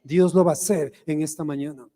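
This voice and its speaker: A man's voice: on the high side, fairly even intonation, a little fast, dark tone, long reverb tail. A male pastor with an Ecuadorian accent, preaching a sermon in church and putting questions to the congregation. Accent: Ecuadorian Spanish. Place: church sanctuary.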